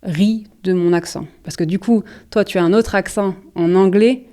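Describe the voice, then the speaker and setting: A French woman co-hosting a podcast, chatting casually, often pausing to search for words and laughing easily. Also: mid-range voice, steady tone, mellow. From France. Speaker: podcast co-host. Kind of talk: casual chat.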